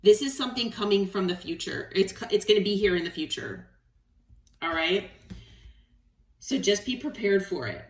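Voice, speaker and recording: A woman giving a tarot reading to her viewers, speaking in a gentle, reassuring way and checking in often. Her voice sits in a middle register. It sounds roomy, with the mic set some distance away. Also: medium pitch, lively intonation, moderate pace, pauses often. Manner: gentle, encouraging, frequent "okay?" check-ins. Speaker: tarot reader.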